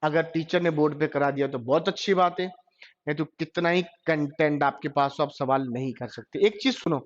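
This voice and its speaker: A man's voice: on the high side, normal speed. A male teacher, lecturing a classroom and asking questions that he then answers himself. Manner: quizzes class, answers his own questions. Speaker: computer teacher. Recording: dull lo-fi classroom recording.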